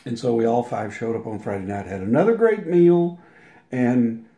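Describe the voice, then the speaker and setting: A warm, mid-range voice at normal speed belongs to an older man who's a guest on an interview. He tells a long personal anecdote casually, rambling with restarts and acting out quotes, while the room adds echo.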